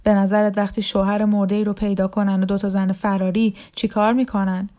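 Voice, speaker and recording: A woman voicing a patient, resigned older woman who speaks quietly and evenly, in a storybook reading. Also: mid-range voice, flat delivery, lightly acted. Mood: calm.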